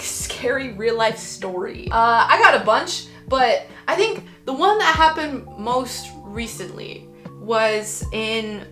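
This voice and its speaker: A young woman from the United States chats to camera in a casual storytime vlog, her voice high and sharp-toned. She rambles, peppering every sentence with "like" and "um" and swearing freely. The room sounds roomy and echoey, with faint music underneath. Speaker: vlogger.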